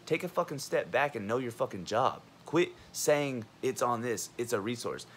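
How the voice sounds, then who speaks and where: A man's voice: mid-range voice, moderate pace, slight background noise. A young man, a college student and army veteran, ranting bluntly and profanely in a heated vlog monologue. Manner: animated, acts out others' lines.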